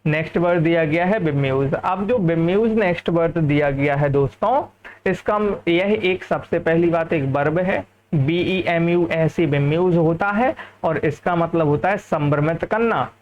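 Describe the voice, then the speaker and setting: A man from India teaching a lively English vocabulary lesson, often checking whether the class has understood. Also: fairly high pitch, normal speed, dull audio.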